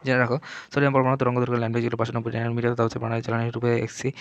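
A man teaching chemistry in a fast exam revision lecture, rattling through points one after another with the same connective phrase between items. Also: mid-range voice, monotone, clean tone, no echo, lo-fi sound. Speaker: chemistry tutor.

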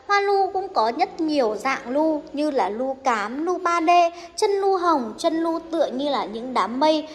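A young woman showing off a wood carving in an eager, persuasive sales pitch, filmed on a handheld phone. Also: long reverb tail. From northern Vietnam. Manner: eager, persuasive, addresses viewers directly. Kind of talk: product showcase sales pitch. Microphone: handheld phone camera.

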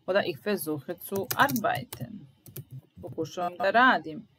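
A woman teaching a German lesson, saying sentences aloud and repeating each one slowly and carefully. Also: on the low side, animated, background noise. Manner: slow, deliberate repetition of phrases.

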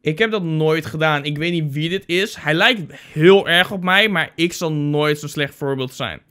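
A man with a high, sharp voice jokes his way through fan posts like a playful YouTuber. He mocks himself, swears and drops English phrases into his talk. Soft music sits faintly behind him. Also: normal speed, clear, resonant tone. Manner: bursts into loud shouts. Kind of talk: casual joking commentary.

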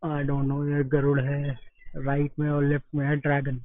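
Touring an outdoor temple site for his vlog, a young Indian man offers chatty, exclamatory commentary to viewers in a slightly high voice. His delivery is completely flat at a moderate pace, and the tinny, phone-like audio has no room sound.

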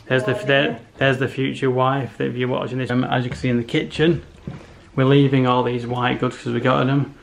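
A man's voice: mid-range voice, little pitch movement, a little fast. A man in his thirties vlogging in a casual, rambling, matter-of-fact way as he walks through a house, recorded on a handheld camera. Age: 30s. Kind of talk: casual walkthrough chat to camera. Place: rooms of a house, indoors. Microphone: camera held at arm's length. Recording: handheld camera with clear background noise.

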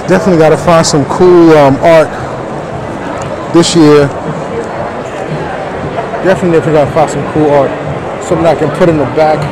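This is a male vlog host walking around a large, bustling convention hall, chatting through a face mask in relaxed slang. His voice sits on the high side with fairly even intonation, and he talks fairly quickly but pauses often. The crowded floor makes the audio noisy with chatter and hall sounds.

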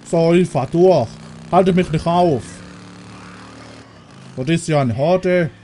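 A man's voice: on the high side, slow pace, dark tone, slight background noise. A man from Germany giving casual commentary while playing a video game, chatting to the characters and swearing when startled. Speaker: let's player.

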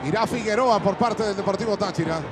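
A man calling football penalties as play-by-play commentator, stretching his goal shouts out long. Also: high voice, quick pace. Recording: broadcast with crowd and music behind.

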